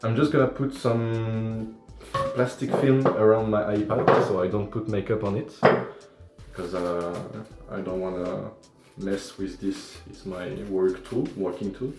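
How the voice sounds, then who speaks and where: A man's voice: fairly low pitch, a little slow, echoey room, loud music behind the voice. Rambling French-accented man on a livestream. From France. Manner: relaxed, rambling, self-deprecating, many fillers and restarts. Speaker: cosplayer and makeup livestreamer. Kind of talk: casual livestream chat while doing makeup. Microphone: phone or tablet livestream.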